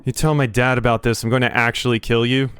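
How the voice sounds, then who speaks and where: A man's voice: medium pitch, flat delivery, fast talker, a bit bright, soft background music, lightly acted. A man voicing a snarky, foul-mouthed teenage girl assassin who sneers and swears. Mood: taunting.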